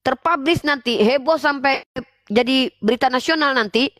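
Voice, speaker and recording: A woman hosting a religious debate livestream, scolding and preaching in a forceful way. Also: sits high, moderate pace, no echo. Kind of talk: livestream talk.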